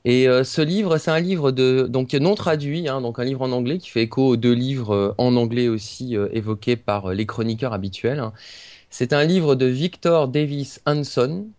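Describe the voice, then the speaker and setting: A man's voice: mid-range voice, a little mellow, no echo. Hesitant man with a dry, close sound. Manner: earnest and hesitant, with frequent filler pauses. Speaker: podcast columnist. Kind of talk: podcast book review.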